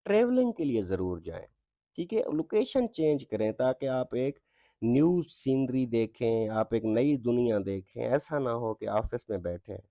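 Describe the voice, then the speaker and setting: A man teaching an English textbook lesson, reading example sentences slowly with stress and checking in with his students often. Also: mid-range voice, animated, warm tone, dry recording, studio quality. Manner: reads English lines slowly with stress, asks "ठीक है?" often. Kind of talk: explaining a textbook exercise.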